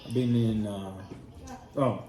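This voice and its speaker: A man from Congo chatting casually over a meal, quick to tease and disbelieve. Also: on the low side, a crowd in the background. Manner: animated, incredulous teasing. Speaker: mukbang co-host. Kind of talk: casual chat while eating. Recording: roomy echo with music behind.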